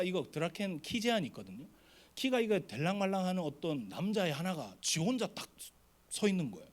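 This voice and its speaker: Lively, high-voiced male preacher. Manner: animated storytelling, acting out voices. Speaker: pastor. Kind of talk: sermon to a youth retreat.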